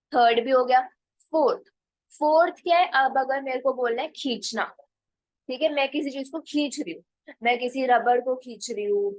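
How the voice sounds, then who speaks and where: A woman teaching a spoken English class, explaining step by step and repeating phrases slowly. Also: a little high, no room sound, low-quality recording. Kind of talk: spoken English lesson in Hindi.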